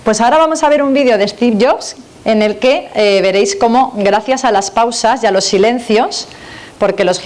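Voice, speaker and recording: Spanish lady teaching a public speaking class, chatty, keeps asking the crowd "mm?". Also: medium pitch. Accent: Spanish from Spain. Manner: lively, conversational, addresses audience directly with tag questions. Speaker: communication trainer giving a masterclass. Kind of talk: live lecture to an audience.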